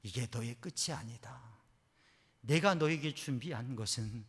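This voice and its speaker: A man's voice: mid-range voice, a little slow, a bit bright, slightly rough, big-room sound. A man voicing God as a tender, reassuring presence who repeats his words with emphasis.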